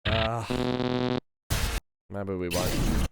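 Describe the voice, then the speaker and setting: In a small home room, a man in his thirties working as a sound designer thinks aloud, muttering short casual fragments into a close mic. He speaks extremely slowly in a deep voice with a steady tone. Loud music sits over him, giving heavy background noise.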